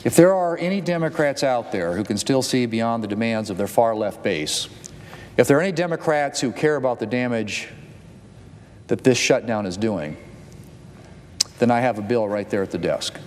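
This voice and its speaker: A man's voice: mid-range voice, expressive, a little mellow. Man giving a speech in a reverberant chamber. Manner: deliberate, emphatic listing. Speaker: politician giving a floor speech. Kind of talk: formal speech.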